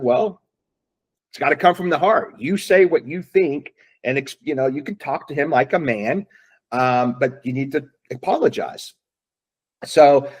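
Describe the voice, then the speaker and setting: A middle-aged father tells a long story in a relaxed interview. He talks in an earnest, rambling way, full of fillers and restarts, at a middle pitch. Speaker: guest, father.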